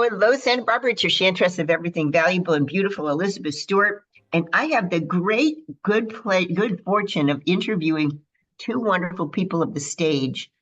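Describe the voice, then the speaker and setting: A radio show host with a Midwestern American accent and a lowish voice conducts an interview, chatty and bubbly, with lots of fillers. The audio sounds dull.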